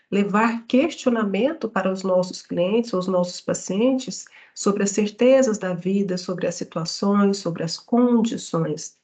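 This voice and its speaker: A woman's voice: mid-range voice, darkish tone. A woman giving a psychology study-group lecture in an explanatory way, often checking in with tag questions.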